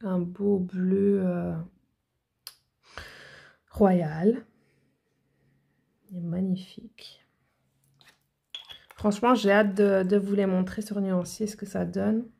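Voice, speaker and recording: A woman's voice: medium pitch, level tone, measured pace, gravelly, few pauses, dark tone. A woman nail educator talking in a chatty, enthusiastic way to her viewers in a casual product haul, with many fillers and restarts.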